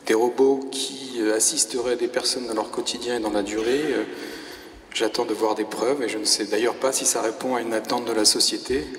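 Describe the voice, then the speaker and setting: A man speaking as an academic panel guest, giving a measured, sceptical opinion. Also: medium pitch, fairly even intonation. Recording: distant, echoey hall with noise.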